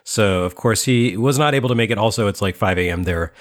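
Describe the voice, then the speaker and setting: A man's voice: lowish voice, brisk. A man hosting a podcast in casual chat, talkative and self-mocking, often laughing. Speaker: podcast host.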